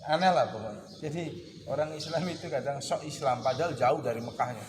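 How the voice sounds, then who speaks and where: A man teaching a casual weekly religious study session, joking and teasing his listeners and clearing his throat often. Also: mid-range voice, brisk, noisy background. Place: boarding school study hall. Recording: echoey hall with clear birdsong and ambience.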